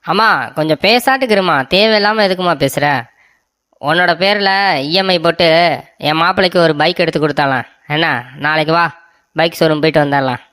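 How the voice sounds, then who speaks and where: A voice actor playing a spineless young husband in an animated story, fawning over and soothing his wife. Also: medium pitch, a little fast, smooth, no room sound, clean studio sound, natural voice. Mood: pleading.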